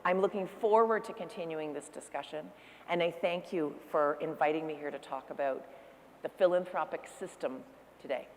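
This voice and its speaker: A woman's voice: sits low, moderate pace, a little hiss or hum. A woman giving an earnest, persuasive conference talk about philanthropy from a lecture hall. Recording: reverberant hall.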